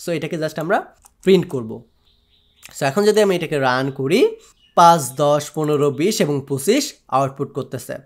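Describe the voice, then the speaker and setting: A man with a Bangladeshi Bengali accent teaches programming over a screen share. He walks through each step in a steady, explanatory way. He slips English technical words into his Bengali as he talks. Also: a little high, unhurried, pauses often. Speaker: programming tutor. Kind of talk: screen-share coding tutorial.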